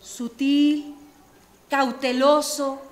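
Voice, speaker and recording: A woman's voice: high voice, level tone, drawn-out words. A Mexican woman, a psychologist, giving a preachy radio talk full of rhetorical questions. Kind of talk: radio talk on addiction recovery. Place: radio studio.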